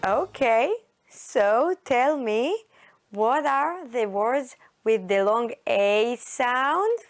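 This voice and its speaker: A woman's voice: on the high side, lively intonation, drawn-out words. A woman with an Israeli accent, a native Hebrew speaker, teaching an English lesson to children, explaining carefully and repeating words. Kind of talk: slow classroom lesson for children.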